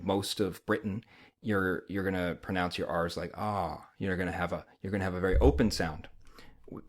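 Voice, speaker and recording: A man with an American accent explaining as a language teacher, conversational and often checking that the learner follows. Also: on the low side. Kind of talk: informal instructional explanation.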